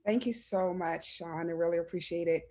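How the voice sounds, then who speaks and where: On a video call panel, a woman from Barbados who works as an education administrator gives a reflective, personal talk. Her lowish voice is warm and steady at a moderate pace, and she speaks earnestly and from the heart, often restarting her phrases.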